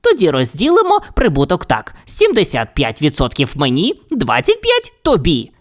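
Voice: medium pitch, huge pitch swings, normal speed, pitched above the performer's own voice. A storyteller voicing a greedy, hot-tempered tomcat who talks in a blustering, bossy way. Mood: scheming. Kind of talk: storybook character voice.

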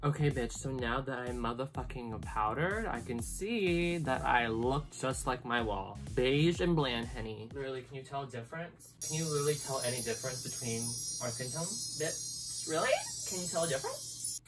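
A woman hosts a makeup tutorial in a very deep, low voice, sassy and full of swearing. She gushes dramatically over each step of her routine. Music plays clearly behind her. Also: lively intonation, moderate pace. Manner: sassy, profane, dramatic exclamations. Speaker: makeup vlogger. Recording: music playing underneath.

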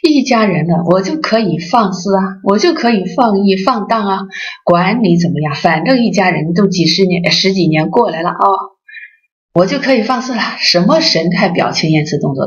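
A woman who heads a Buddhist association, giving a dharma talk with lively storytelling and acted-out voices, in a dull lo-fi recording. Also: mid-range voice.

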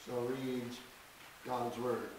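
An older man preaching a sermon at a church podium, reading scripture slowly and deliberately with emphatic stresses. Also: medium pitch, little pitch movement. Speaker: pastor. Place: small church sanctuary. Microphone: podium mic from a distance. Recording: echoey church, distant mic, faint hiss.

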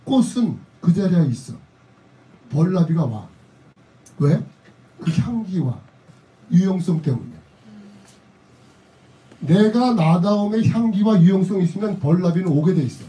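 A man's voice: sits high, animated, unhurried, pauses often, mellow. A middle-aged man giving a motivational seminar speech to a live audience, emphatic and repeating his key phrases, often slipping into blunt casual talk. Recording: voice a bit distant from the mic.

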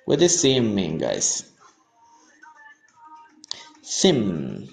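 A man from Peru teaching English on a live stream, reading aloud and explaining words in Spanish, repeating each pronunciation slowly. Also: mid-range voice, lively intonation, creaky, a little mellow. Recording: echoey room, faint music behind.

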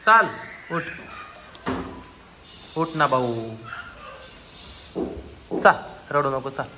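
A man with a slightly high, lively voice vlogs casually while collecting his child from a school classroom, speaking very slowly over background noise. He alternates between coaxing and scolding, firing off many short questions again and again.

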